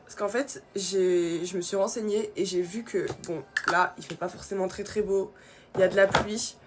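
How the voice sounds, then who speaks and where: A woman's voice: mid-range voice, steady tone, normal speed, over music. A young woman from France chatting casually through her skincare routine, with many fillers. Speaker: beauty vlogger.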